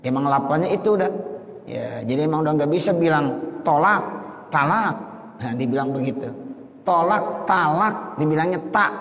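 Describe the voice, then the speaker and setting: A man giving a religious lesson, explaining point by point and slowing down to recite Arabic phrases. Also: on the high side, vocal fry. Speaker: Islamic teacher. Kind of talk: religious lecture reading an Arabic text. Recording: roomy hall echo.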